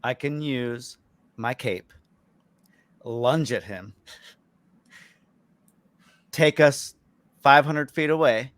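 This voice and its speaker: A man's voice: mid-range voice, very slow, long pauses, a bit bright. A man playing a tabletop game, blunt and plotting. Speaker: player.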